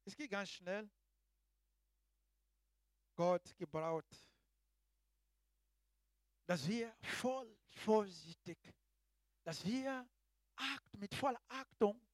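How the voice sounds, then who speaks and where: Man, preacher, sermon, slow unhurried delivery, dry close sound, hushed-to-loud swings. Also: high voice, expressive, no echo. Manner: halting, swinging between hushed and loud exclaims.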